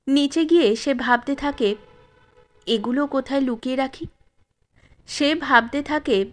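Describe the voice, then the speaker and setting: A woman storyteller reading a classic short story aloud, steady and expressive, voicing every character herself. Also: sits high. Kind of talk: scripted story narration.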